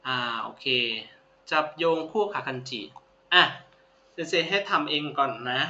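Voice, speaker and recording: In a roomy, dull lo-fi recording with a faint hum, a man leads a classroom-style language lesson. He repeats every word patiently and offers his students praise. His voice is a little high and sharp, and he speaks a little slowly.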